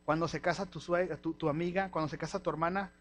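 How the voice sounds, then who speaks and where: A middle-aged man with a Mexican Spanish accent delivers a sermon. His voice sits a little high, and his manner is lively and full of slang. He keeps slipping into the voices of the people he quotes. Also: quick pace, a little hiss or hum. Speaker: preacher.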